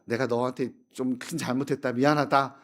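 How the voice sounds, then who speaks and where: A man's voice: medium pitch, steady tone, brisk, lightly acted. A man playing a cowed, groveling nobleman. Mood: grudging. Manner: groveling, apologetic.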